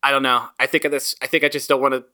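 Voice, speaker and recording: A man's voice: medium pitch, flat delivery, very fast, pushed and bright. A man hosting a podcast in casual chat, rambling and repeating himself for emphasis. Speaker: podcast host.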